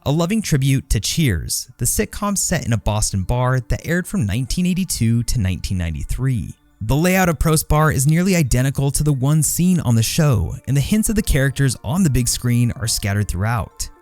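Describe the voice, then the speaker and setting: Lively male narrator of gaming secrets. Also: medium pitch, brisk, no room sound, soft background music. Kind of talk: scripted video narration.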